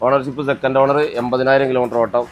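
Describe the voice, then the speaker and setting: A man's voice: medium pitch, little pitch movement, fast, dull audio, slight background noise. A man with a Malabar Malayalam accent, a car dealer who mixes in English terms and gives short, repeated answers in casual sales talk. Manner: clipped answers, repeats key phrases.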